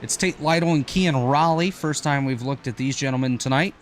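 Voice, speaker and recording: A man calling an online racing broadcast as play-by-play commentator, talking quickly and correcting himself on the fly. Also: mid-range voice, slight background noise. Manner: rapid, energetic play-by-play with quick self-corrections.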